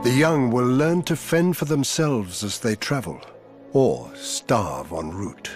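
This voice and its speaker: A man delivers nature documentary narration over a clear music bed. His medium-pitched voice moves with lively, expressive inflection. The delivery is measured and scripted, shaped like dramatic storytelling. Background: music bed under studio voice-over.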